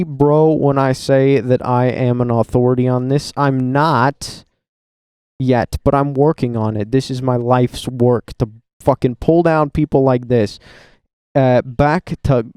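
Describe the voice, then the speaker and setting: Profane rambling man, dark smooth voice. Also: medium pitch, no room sound, clean studio sound. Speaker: commentary YouTuber. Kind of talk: casual reaction voice-over. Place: voice-over recorded at a computer.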